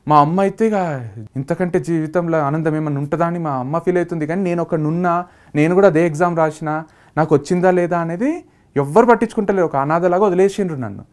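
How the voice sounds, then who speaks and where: A man with a Telangana Telugu accent, a startup founder telling a personal story in a lively way and acting out what his family said. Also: on the high side, fast talker. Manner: lively, acts out family members' quoted lines.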